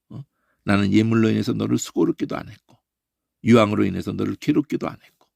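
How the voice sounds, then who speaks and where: A man teaching a Bible study lecture in an animated way, who keeps tossing in questioning "eh?" tags. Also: medium pitch, creaky, no room sound, studio quality.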